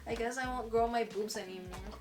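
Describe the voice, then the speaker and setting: A beauty vlogger in her twenties with a Filipino accent chats casually to the camera about skincare, giggling as she goes. Her voice is fairly high and her speed normal, with soft music in the background.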